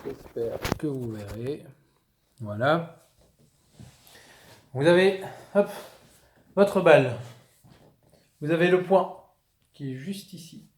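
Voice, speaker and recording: A man's voice: fairly high pitch, slow pace, long pauses, darkish tone. A man coaching viewers casually, demonstrating massage tools while talking, often hesitating and restarting, filmed on a phone indoors. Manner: chatty, hesitant, showing objects while talking. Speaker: fitness coach. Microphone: phone camera.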